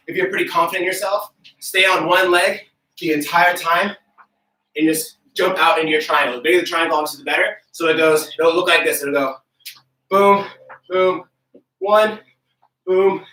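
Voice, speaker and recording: Young male fitness coach, breathless, upbeat and casual, bright tone, picked up from across a roomy space. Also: on the high side, steady tone, fairly quick. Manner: upbeat, casual, talks while demonstrating. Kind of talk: live online workout instruction. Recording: roomy echo, from far off.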